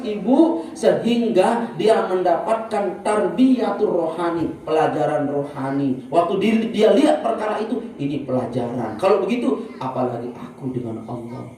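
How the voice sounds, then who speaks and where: Male preacher, dark tone, lively storytelling sermon, distant mic in a booming hall. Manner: lively storytelling, addresses the congregation directly. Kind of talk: sermon at a religious study gathering. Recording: very echoey room, distant mic, faint ambience.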